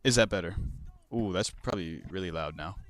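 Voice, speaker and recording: A man's voice: sits low, dark tone, no room sound. A young man chatting casually on a livestream, swearing freely and reading out viewer questions as he goes. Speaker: livestreamer and crypto trader.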